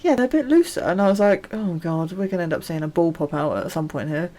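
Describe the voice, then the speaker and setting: A woman co-hosting a podcast chats casually, agreeing often and laughing easily. Her voice is fairly low and mellow, and she talks fast and animatedly.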